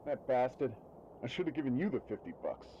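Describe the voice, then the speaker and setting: Bossy irritable boss from a horror game, talks fast, muffled noisy sound. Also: male voice, mid-range voice, very animated. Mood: bitter. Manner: brusque, bossy. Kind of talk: video game voice acting. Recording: dull, noisy game audio from far off.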